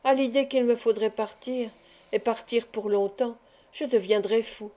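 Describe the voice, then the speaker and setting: A woman's voice: a little high, steady tone, unhurried, dark tone, natural voice. A woman reading an earnest young man in love. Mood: pleading. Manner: emotional, imploring.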